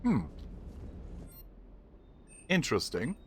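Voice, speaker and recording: A man's voice: medium pitch, wildly swooping pitch, drawn-out words, breathy edge. A man streaming a game, casually musing and reacting aloud.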